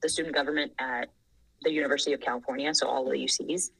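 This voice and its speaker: Low, bright-voiced woman podcast guest. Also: steady tone, very fast, vocal fry, husky, no room sound, low-quality recording. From Thailand. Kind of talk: casual interview.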